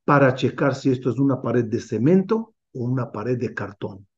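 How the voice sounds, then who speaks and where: A man's voice: medium pitch, lively intonation, moderate pace, lo-fi sound. A man teaching as a rabbi in an online class, driving his points home with many rhetorical questions. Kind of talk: Torah class over video call.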